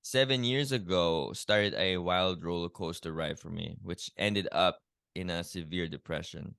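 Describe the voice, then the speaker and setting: Speaking unhurriedly with some vocal fry, a keto health coach from the Philippines tells his own story as a podcast guest, sounding earnest and reflective and leaning often on "you know." His low voice comes across clear, resonant, and a bit bright. The audio is close and dry, with no room echo.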